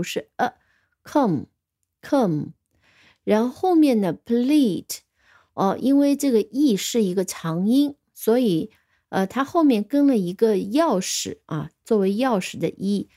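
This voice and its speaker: A woman's voice: a little high, mellow. A woman teaching an English vocabulary lesson in Chinese, patiently spelling words letter by letter and giving example sentences.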